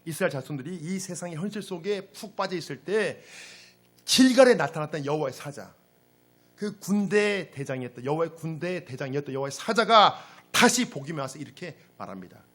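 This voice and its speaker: A man's voice: on the high side, animated, a little fast, a bit bright. A man preaching a Sunday sermon as pastor. He speaks to the congregation directly and swings into dramatic, emphatic rhetorical questions. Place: church service.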